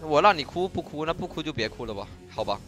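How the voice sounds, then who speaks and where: A man in casual voice chat while gaming, teasing and scolding his teammates one moment and gently coaxing a friend the next. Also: fairly high pitch, animated, fast, music in the background. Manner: teasing, swings from loud scolding to soft coaxing. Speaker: game streamer comforting a teammate.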